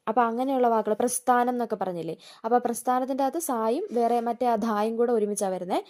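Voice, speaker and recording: Female exam-prep tutor, slightly high voice, deliberate word-by-word dictation. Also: darkish tone. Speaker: exam coaching teacher. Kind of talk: exam-prep spelling lesson.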